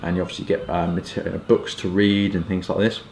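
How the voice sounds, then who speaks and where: Low-pitched and darkish, with vocal fry and little pitch movement, this man talks a little fast. He's a pipe and cigar vlogger in his twenties from southeast England, chatting casually and hedging through asides in a small furnished room at home, with roomy echo and background noise.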